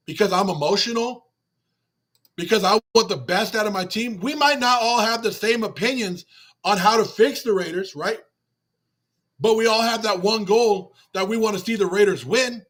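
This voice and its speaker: Here the fan channel host sounds extremely high and a little bright. After the game he rants on his livestream, going over viewers' comments with repeated, emotional replies.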